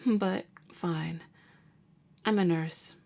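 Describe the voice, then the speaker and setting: Using a full character voice that is lowish, gravelly, and mellow with fairly even intonation, a woman plays a jaded vampire hunter turned nurse in an ASMR roleplay audio drama. She is sardonic and wry, talking in a casual, slangy, unhurried way.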